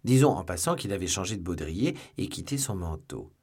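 Brief: male audiobook reader, low pitch, husky, steady classic narration. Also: brisk. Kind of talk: scripted narration.

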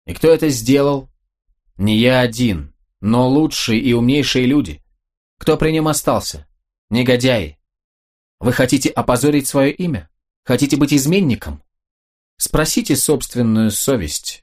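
A man's voice: medium pitch, expressive, unhurried, darkish tone. A man voicing a proud nobleman officer in an audiobook, reasoning urgently and reproachfully. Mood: earnest.

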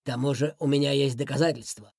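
A woman voicing a hoarse male beaver bandit who barks threats, in an audiobook. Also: extremely low pitch, steady tone, fast talker, mellow, no echo, clean studio sound, voice pushed down. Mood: menacing. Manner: barking, threatening.

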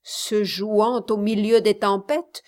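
A woman's voice: mid-range voice, fairly even intonation, takes it slowly, a little mellow, close to an everyday voice. A woman voicing a spirited, romantic young Scottish woman who speaks passionately and indignantly in a storybook reading.

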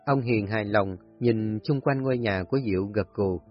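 A man calmly narrating a family story in a steady storytelling voice. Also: fairly low pitch, normal speed. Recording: husky voice, dull lo-fi audio, faint music.

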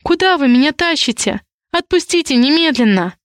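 A woman's voice: high-pitched, animated, moderate pace, smooth, no room sound, clean studio sound. A woman voicing a shy but fiery young heroine in a story, with a flustered, breathless manner. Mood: protesting.

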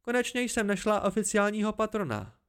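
A man's voice: high-pitched, sing-song, fairly bright tone, clear, resonant tone, voice pushed up. A man voicing a proud, secretive young woman in an amateur audiobook, raising his voice to play her. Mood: animated.

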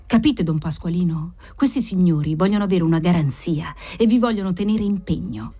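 A sly lottery-office keeper, as a woman narrator plays him, coaxes in a soft, lowered voice. He murmurs more than he speaks. He is a figure in a read-aloud novel. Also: brisk. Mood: coaxing. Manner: soft, coaxing, low. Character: smooth, persuasive lottery-office keeper, a man.

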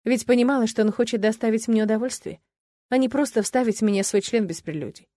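A woman's voice: on the high side, fast, mellow, dry recording. Female audiobook narrator, first-person, intimate delivery, dry close-mic sound. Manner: intimate, emotional storytelling.

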